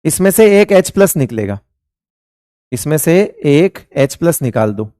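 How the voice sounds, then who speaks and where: A man's voice: on the high side, sing-song, unhurried, warm tone, dry recording, clean studio sound. A man teaching chemistry in Hindi, asking the class questions over and over and answering them himself, calling his students beta. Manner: addresses students fondly as beta and raja. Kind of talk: classroom lecture.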